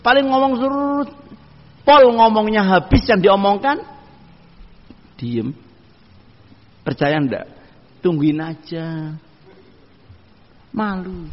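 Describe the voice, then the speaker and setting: A male preacher delivers a sermon, his voice pitched high for a man. He gives homely advice and drops in Arabic quotes. The recording sounds dull, with a long hall echo. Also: slow pace, long pauses.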